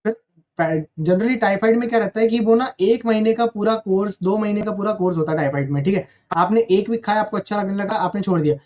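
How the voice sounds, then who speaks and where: A man's voice: sits high, fast talker, a little mellow. A young man teaching exam vocabulary in a recorded lesson, explaining each word with rhetorical questions and checking in after almost every line.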